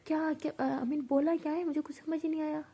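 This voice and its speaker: A woman's voice: high-pitched, level tone, brisk, mellow, pitched above the performer's own voice. A woman voicing a curious young woman who keeps asking questions in a mock-indignant way. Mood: inquisitive.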